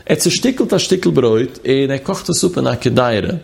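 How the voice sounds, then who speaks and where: A man's voice: medium pitch, lively intonation, moderate pace, vocal fry, a little mellow. Man in a sing-song study lesson. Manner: sing-song study chant, reading phrases then explaining. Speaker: religious teacher. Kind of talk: chanted text study lesson.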